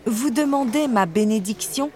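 A woman's voice: a little high, moderate pace, darkish tone, close to an everyday voice. A woman voicing a cold, guarded young queen in a storybook reading, with a tense, clipped, commanding delivery. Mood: sharp. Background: music.

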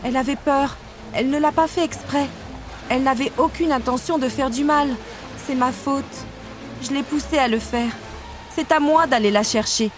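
An eager young storybook princess speaks in a bright, raised, pleading voice, as a woman reads her part. She sounds impulsive and earnest, her pitch lifted well above plain narration, with music beneath. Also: normal speed, natural voice. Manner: bright pleading girlish delivery.

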